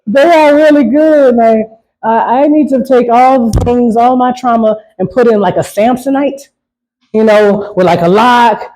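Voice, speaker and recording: A woman's stand-up set comes across as loose and full of swearing, and she keeps checking with the crowd ("right?") to see if they agree. Her voice is fairly high, warm and unhurried, in a rough recording with a little hiss or hum.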